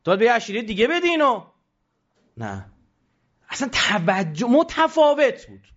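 A man giving an animated religious lecture, emphatic and rhetorical, now and then mimicking the voices of others. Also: very high voice, muffled recording.

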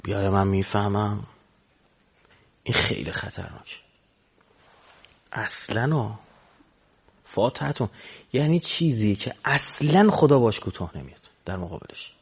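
A man preaching a religious sermon into a microphone, swinging between loud exhortation and low murmurs. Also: lively intonation, gravelly, pauses often, husky. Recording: dull lo-fi recording.

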